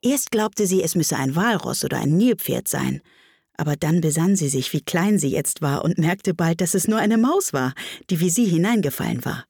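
Woman narrating a storybook, husky. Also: deep voice, normal speed, no echo, studio quality. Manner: even, storytelling reading. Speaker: audiobook narrator. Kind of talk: scripted narration of a classic children's tale.

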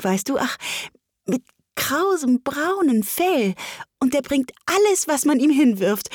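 A woman's voice: medium pitch, darkish tone, husky, dry recording, studio quality, pitched above the performer's own voice. A woman voicing a polite, curious young girl who chatters eagerly and apologizes in a rush.

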